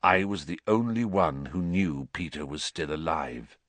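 A man voicing a gaunt, haunted male fugitive who speaks low, quietly and with a croak for an audiobook. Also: expressive, measured pace, dry recording, heavily acted. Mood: brooding. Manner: quiet, brooding. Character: gaunt, haunted escaped male prisoner, bitter, intense.

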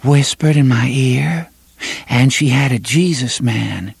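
A man voicing an entranced young woman in an audiobook, speaking in a faint, dreamy, slow way. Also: mid-range voice, vocal fry, breathy edge, dry recording, voice pushed up, full character voice. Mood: dazed.

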